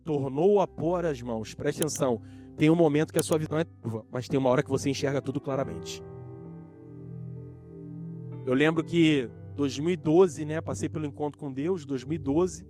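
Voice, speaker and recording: A male pastor with a Brazilian Portuguese accent delivers a sermon in a church. His voice sits a little high for a man and swings widely, as he acts out the voices of the people he quotes. Soft music plays faintly underneath. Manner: preaching with sweeping rises and falls, acting out quoted voices. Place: church in front of a congregation.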